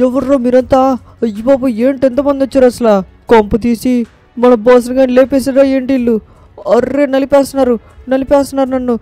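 A man voices a cornered game henchman who yelps his lines in a very high, squealing voice. The tone stays mellow and dry while he cries for help in frantic bursts. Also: no room sound.

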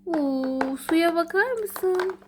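This mother talks very slowly in a very high-pitched, animated voice while narrating educational play for her young child. Her sing-song delivery is encouraging, with praise repeated often. Noise and clicks are clearly audible in the home recording.

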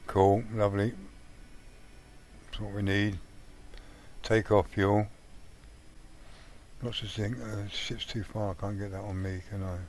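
A man talking through a survival game in a casual let's play, rambling and thinking out loud with plenty of ums. His voice sits on the low side. A faint hum runs underneath. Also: flat delivery, unhurried, long pauses. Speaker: gaming channel host.

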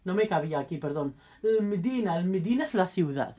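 A woman giving a casual video lesson, repeating phrases carefully for viewers and chatting in quick asides while she handles her cards. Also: fairly low pitch, animated, warm tone. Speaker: language teacher.

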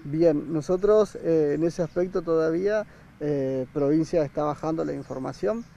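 Gravelly man, halting. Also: on the high side, dark tone. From Argentina. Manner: hesitant, many fillers and restarts. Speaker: beach and campground manager. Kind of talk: outdoor TV interview. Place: outdoor park by a river. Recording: dull sound, faint outdoor noise.

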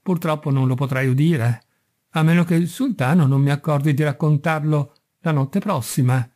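A man voicing a young woman storyteller in a storybook reading, speaking calmly and evenly. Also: fairly high pitch, moderate pace, natural voice. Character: young female storyteller, a sultan's bride.

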